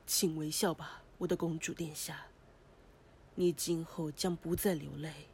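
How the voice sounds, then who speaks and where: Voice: medium pitch, level tone, unhurried, a little hiss or hum, natural voice. Actor voicing a gallant, poetic cartoon prince. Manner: grand, poetic, courtly. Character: gallant young prince, once a cursed frog. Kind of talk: cartoon voice acting.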